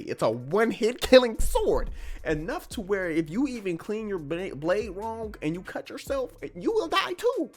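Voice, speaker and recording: A man talking casually and excitedly, with frequent stammers and slang, calling the listener bro as he ranks his picks. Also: sits high. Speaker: anime commentator. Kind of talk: casual ranking commentary.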